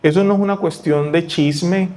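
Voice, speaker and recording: Spanish-speaking pastor preaching conversationally. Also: male voice, fairly high pitch, fairly even intonation, normal speed, a little mellow. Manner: conversational, asks and answers his own questions. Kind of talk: sermon. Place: church.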